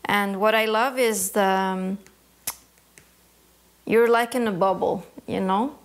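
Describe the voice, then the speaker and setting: Speaking at a medium pitch in a steady tone, this embroidery artist from Canada responds to an interviewer with care. She often stops to hunt for the right words.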